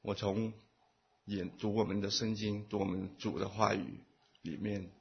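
Man, husky and low, church testimony in short pauseful phrases, muffled lo-fi recording. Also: little pitch movement. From Taiwan. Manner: speaks in short phrases, pausing for an interpreter. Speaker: church member giving testimony. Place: church meeting.

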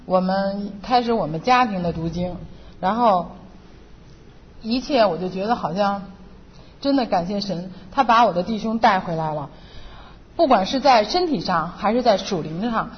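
A woman's voice: mid-range voice, lively intonation, moderate pace. A middle-aged woman giving an earnest, emotional personal testimony at church. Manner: earnest and emotional, re-enacting her own prayers. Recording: muffled, reverberant hall with faint noise.

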